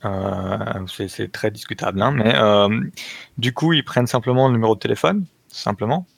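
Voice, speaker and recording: A man co-hosting a tech podcast, presenting news in a relaxed, halting way. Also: on the low side, creaky, slightly rough, no echo. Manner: relaxed, halting, many fillers. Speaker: podcast co-host. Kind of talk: casual tech news segment.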